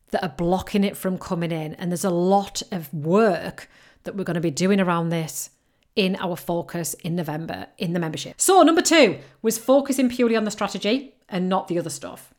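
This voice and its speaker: A business coach from the North East England coast hosts her own podcast, giving solo advice in a Northern English lilt that falls somewhere between Yorkshire and Geordie. Her middling-pitched voice has a darkish tone, and she stays upbeat and encouraging, driving points home by repeating key phrases.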